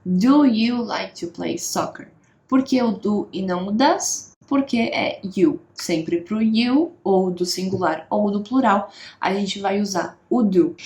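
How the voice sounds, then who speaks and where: A woman teaching English in a clear, patient way, often pausing to check that her students are following along. Her voice sits in a middle register. The recording has a noticeable room echo. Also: mid-range voice, a little mellow. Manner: clear, patient explaining with frequent check-ins. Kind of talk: online English lesson. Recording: echoey room.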